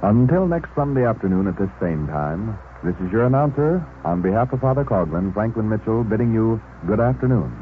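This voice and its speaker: Brief: male radio announcer, old 1930s radio show sound, formal and persuasive, pitch moving freely, thin tinny band. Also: expressive, a little hiss or hum. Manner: formal, measured, persuasive delivery. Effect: old 1930s radio broadcast. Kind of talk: scripted on-air announcement.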